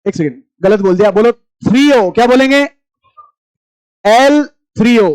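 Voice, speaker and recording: High-voiced man quizzing a class. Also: darkish tone, smooth, no room sound, low-quality recording. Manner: quizzing students with rapid repeated questions; familiar, addresses class as brother. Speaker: chemistry teacher. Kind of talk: classroom lecture.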